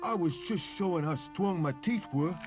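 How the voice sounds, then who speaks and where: A man voicing a male cartoon rabbit who used to be a circus strongman and brags loudly about his strength. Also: sits high, expressive, normal speed, pitched above the performer's own voice. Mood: boastful. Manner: loud, bragging storyteller. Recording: music bed behind the voice.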